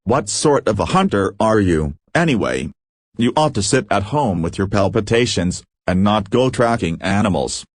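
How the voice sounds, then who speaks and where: A man's voice: lowish voice, expressive, normal speed, dry recording, clean studio sound. A man reading the part of a hot-tempered, fussy older landowner father in a play. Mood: scornful.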